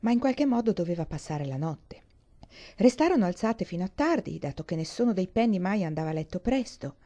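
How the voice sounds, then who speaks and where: A woman's voice: on the low side, animated, a little fast, mellow. A woman reading a children's novel aloud, lifting her voice for the children's lines and dropping it for the narration. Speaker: audiobook reader. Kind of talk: audiobook narration with voiced characters.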